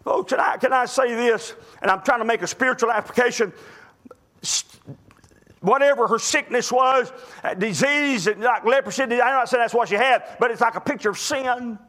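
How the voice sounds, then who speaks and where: At a normal speed, a man preaches as pastor with real emphasis, alternating loud urgent pleas with quiet, low asides.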